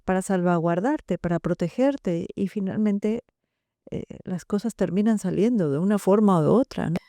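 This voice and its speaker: A woman in a podcast conversation, speaking in a measured, reflective way and explaining patiently. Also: medium pitch, dark tone, no room sound.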